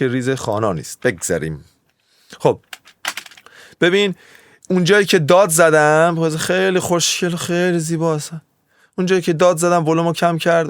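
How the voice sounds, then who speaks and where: Casting: slightly high-voiced man, music producer teaching mixing, loose and digressive, dry room. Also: no echo. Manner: chatty, digressive, often waves off his own tangents. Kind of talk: casual screen tutorial.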